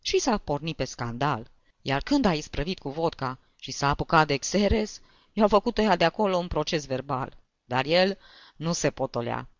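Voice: medium pitch, fairly bright tone, smooth, no echo, dull audio, lightly acted. A reader voicing a weepy, flustered male tutor who sobs and strains as he complains, in a storybook reading. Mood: tearful. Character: weepy flustered male tutor, tipsy trip gone wrong.

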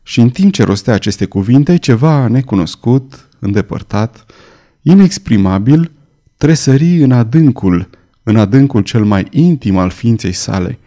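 A man narrating a historical romance novel in measured, dramatic storytelling. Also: medium pitch, animated, dark tone.

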